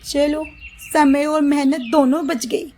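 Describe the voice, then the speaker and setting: A woman's voice: high-pitched, steady tone, slow pace, mellow, slight background noise, pitched above the performer's own voice. A woman voicing a lazy, scheming young daughter-in-law in a storybook, sweet-talking and dismissive. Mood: lazy grumbling. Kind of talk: storybook voice acting.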